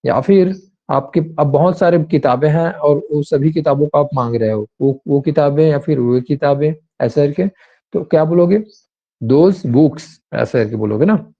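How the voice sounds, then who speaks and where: A man's voice: on the high side, moderate pace, creaky, muffled recording. A man teaching an English grammar class online, explaining patiently and repeating examples with many fillers.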